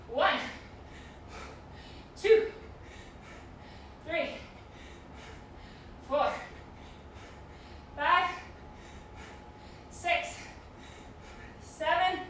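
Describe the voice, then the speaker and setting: High, bright-voiced female aerobics instructor, echoey room. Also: very slow, long pauses. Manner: encouraging aerobics instructor calling out short cues and counts. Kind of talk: group workout coaching, counting reps and cueing exercises. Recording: very echoey room, distant mic, noisy.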